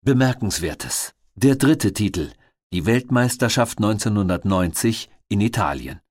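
A man's voice: fairly low pitch, a little mellow, no echo, clean studio sound. A man reading a scripted historical narration as a documentary narrator.

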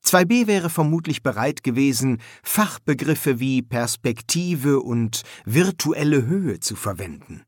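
Slow, expressive male audiobook narrator. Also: medium pitch, dry recording, studio quality. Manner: measured, expressive reading. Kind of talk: scripted narration.

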